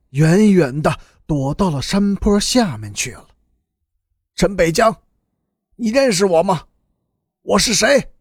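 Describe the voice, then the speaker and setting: A man narrating an audiobook with slow, dramatic storytelling. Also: high voice, darkish tone, slightly rough, no echo, clean studio sound.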